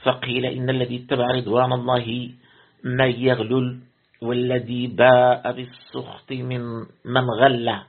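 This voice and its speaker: A man, a sheikh, reads a religious commentary aloud as a lesson, in a gravelly voice. He reads steadily, repeating words when he corrects himself. The recording is tinny and lo-fi, like a phone line. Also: medium pitch, completely flat delivery, normal speed. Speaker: sheikh reading and explaining a commentary.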